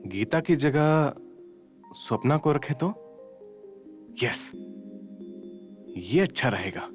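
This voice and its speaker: A man voicing a lovesick young man, lively voice, dramatic pleading, faint music under it. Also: medium pitch, slow. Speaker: dubbed film character. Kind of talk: Hindi film dubbing. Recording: film soundtrack with faint music.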